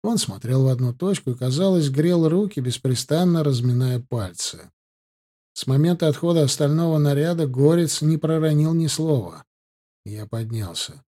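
A man narrates an audiobook in the first person at a measured, steady pace. His voice is dark and mellow, with a husky edge. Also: a little high.

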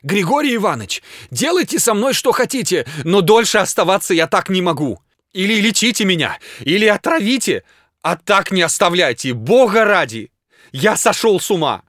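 A man voicing a terrified gentleman who fears he is going mad, pleading desperately in high outbursts. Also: very animated, moderate pace, no echo, clean studio sound. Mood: frantic pleading. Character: frantic terrified man, gentleman fearing madness.

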